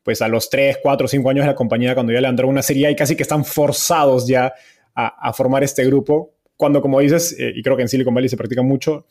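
A man hosting an interview, asking questions in a relaxed, conversational way. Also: medium pitch, quick pace. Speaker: podcast host.

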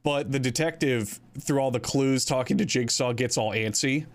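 A man chatting casually about films, telling stories in an animated, sweary way. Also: mid-range voice, moderate pace.

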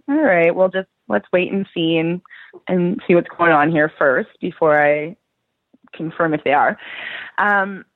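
A woman with a low voice explains exercises in a practical, reassuring way, often pausing on "um" and "you know". Her voice comes through a narrow, tinny phone line. The sound is dry, with no room around it. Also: no room sound. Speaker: pelvic floor physiotherapist. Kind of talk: explanatory interview answers.

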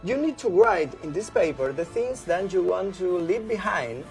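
A man playing an enigmatic male mystic who leads a burial rite outdoors in a cemetery, speaking English in a deliberate, theatrical way. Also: high voice, expressive, soft background music. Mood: solemn.

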